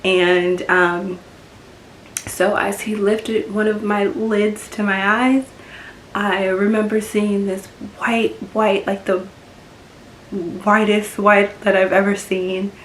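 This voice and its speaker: Woman, vlogger, story time, halting with many fillers, slow, roomy echo. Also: mid-range voice, flat delivery. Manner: halting, lots of fillers and restarts, emotional at times. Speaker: beauty vlogger. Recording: echoey room with faint background noise.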